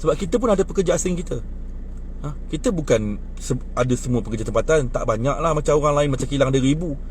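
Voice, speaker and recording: Talking fast, a Malaysian Malay-accented man in his twenties rants about politics to others nearby at a bus stop. He hasn't slept much, yet he's animated and indignant, pitch lifting as he gets heated, with some hiss or hum in the recording.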